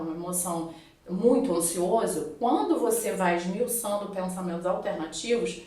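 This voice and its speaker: Brazilian woman teaching in an echoey room. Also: mid-range voice. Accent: Brazilian Portuguese. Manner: patient, explains step by step with examples. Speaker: psychologist. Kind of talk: explanatory online video lesson. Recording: very echoey room, voice far from mic.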